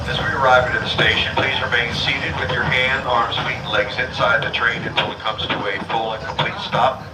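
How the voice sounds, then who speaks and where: Man giving safety calls over a loudspeaker. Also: medium pitch, moderate pace. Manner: steady, repetitive safety instructions. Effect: over an outdoor loudspeaker. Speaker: train conductor. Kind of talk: live safety announcement. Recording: echoey distant public-address with noise.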